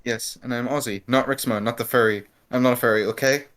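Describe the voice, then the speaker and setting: A man's voice: medium pitch, fairly even intonation, fast, fairly bright tone. A man defensively bickering with friends over an online voice call during a drawing game. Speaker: player. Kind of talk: casual gaming chat.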